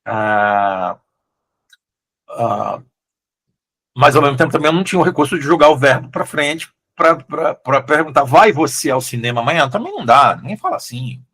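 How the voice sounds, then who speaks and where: A Brazilian man, a literary translator, talking through his choices in a relaxed interview, with frequent restarts and questioning tags. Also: on the high side, moderate pace, slightly rough. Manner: thoughtful, hesitant, many restarts and "né?" tags. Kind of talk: casual conversational interview.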